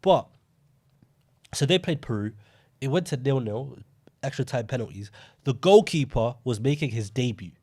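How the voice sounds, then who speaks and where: An animated young man co-hosting a football podcast, telling long stories in a casual, rambling way. His voice sits in the middle of the range. He keeps talking, with a loose, chatty delivery. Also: medium pitch, normal speed, long pauses, breathy edge. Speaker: podcast co-host.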